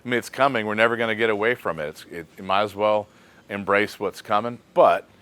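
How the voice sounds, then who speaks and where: A deep-voiced American man leads a laid-back shop chat. His voice is smooth and clear. He muses aloud and leans on easy fillers as he answers questions. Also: fairly quick. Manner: relaxed, thinking aloud with fillers. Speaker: host of a shop question segment. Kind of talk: casual shop talk.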